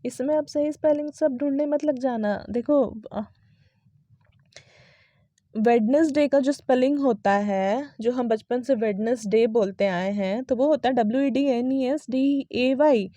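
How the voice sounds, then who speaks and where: A woman's voice: high voice, unhurried, warm tone, no echo, highs cut off. Woman teaching English pronunciation. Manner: explains patiently, spells words letter by letter, often asks "right?". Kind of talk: casual classroom explanation.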